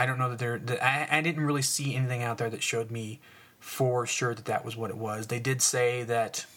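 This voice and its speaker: An American man hosts a casual solo podcast, rambling with plenty of fillers and sarcastic asides while sniffling as he talks. His voice is medium-pitched with a fairly bright tone.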